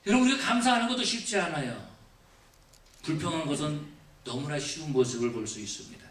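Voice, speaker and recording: High-voiced male pastor preaching in echoey church. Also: expressive, quick pace, far from the mic. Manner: preaching with repeated rhetorical questions to the congregation; shifts between raised emphasis and quiet, low asides. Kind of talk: Thanksgiving sermon. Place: church sanctuary.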